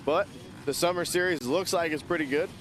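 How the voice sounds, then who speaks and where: A man's voice: on the high side, a little fast, noisy background. A man co-hosting live race commentary from an announcers booth, easygoing and teasing.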